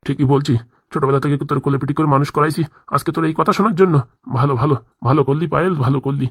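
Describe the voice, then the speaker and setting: A rustic old cartoon grandfather, grumbling and self-pitying, who stammers through his complaints at a rapid clip. He sounds mid-pitched, and the recording is dry and close. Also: steady tone, slightly rough, no room sound. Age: older. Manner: stammering, rustic village speech. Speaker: cartoon voice actor. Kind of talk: cartoon comedy dub.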